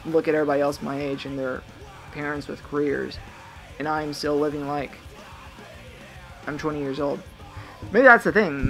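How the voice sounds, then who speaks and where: A man's voice: on the high side, vocal fry, a bit bright, poor audio. A man in his thirties rambling reflectively to a camera in a vlog monologue. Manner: reflective, musing. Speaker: vlogger. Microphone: camera mic.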